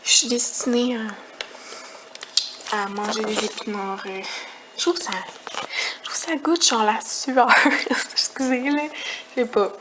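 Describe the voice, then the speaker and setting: Young Quebec woman vlogger, a bit high-pitched, chatty and rambling, over dish and pan noise. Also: measured pace, long pauses. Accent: Quebec French. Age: young adult. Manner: chatty, rambling, disgusted complaints. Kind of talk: casual vlog chat.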